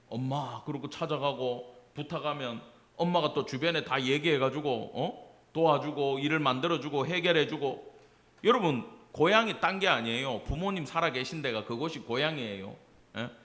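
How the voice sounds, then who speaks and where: In a church sanctuary, a middle-aged pastor preaches a Wednesday sermon, acting out family dialogue and asking the congregation questions. His fairly high, slightly bright voice is animated and moves at a moderate pace.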